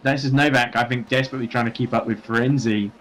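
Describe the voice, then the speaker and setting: A man's voice: medium pitch, fairly even intonation, fast talker, a bit bright. A man giving live commentary on a sim race, working through gaps and strategy with frequent fillers.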